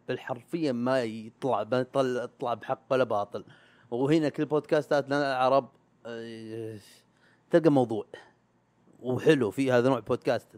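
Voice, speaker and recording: A man's voice: mid-range voice, darkish tone, dry recording. A young man hosting a casual, spontaneous podcast, rambling and joking in asides to his editor and listeners. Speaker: podcast host.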